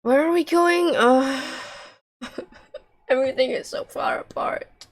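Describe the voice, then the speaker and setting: Streaming a game, a woman with a high, slow voice gives casual, expressive commentary. She reacts out loud with slang and swearing.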